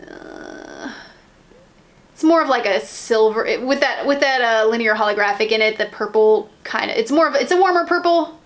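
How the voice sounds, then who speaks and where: A woman's voice: fairly high pitch, lively intonation, normal speed. An American woman chatting casually about nail polish, rambling, with lots of ums and restarts. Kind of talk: casual haul chat.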